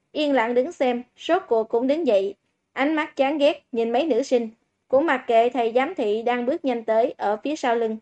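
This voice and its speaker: A woman narrating a story audiobook in a steady, even reading voice. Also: high voice. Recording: dull lo-fi recording.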